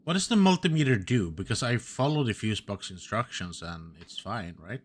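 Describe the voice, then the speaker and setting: A man's voice: lowish voice, lively intonation, normal speed. A male streamer giving live commentary on a game and muttering to himself while he plays.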